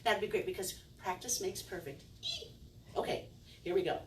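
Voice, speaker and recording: A middle-aged woman who works as a children's magician and circus performer entertains a kids' party audience, playful and theatrical with exaggerated wonder and mock confusion. Her voice is mid-range, steady and moderately paced, captured by a distant camera in an indoor room with a small curtained stage, so the sound is roomy with faint noise.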